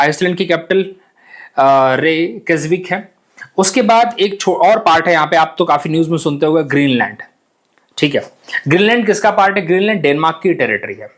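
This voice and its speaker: A man's voice: fairly high pitch, animated, normal speed, fairly bright tone. A young man teaching a casual exam-prep map lesson, chatty and repetitive, often mixing in English words. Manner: chatty, repeats phrases, mixes English words.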